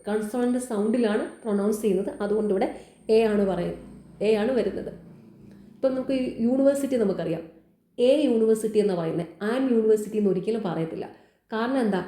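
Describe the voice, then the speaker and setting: A woman's voice: medium pitch, dark tone, reverberant. A woman explaining exam grammar answers as a teacher, repeating key words and asking quiz questions.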